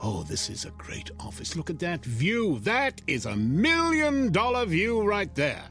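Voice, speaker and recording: A man's voice: high voice, wildly swooping pitch, unhurried, fairly bright tone, faint music behind, exaggerated voice. An actor playing the devil as a glib, taunting salesman in a radio drama, breezy, smug and theatrical.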